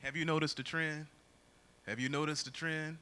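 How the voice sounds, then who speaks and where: Bright-voiced preaching man. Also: level tone, a little hiss or hum. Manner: booming, drawn-out when reading scripture, dropping low for asides. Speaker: pastor. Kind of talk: sermon.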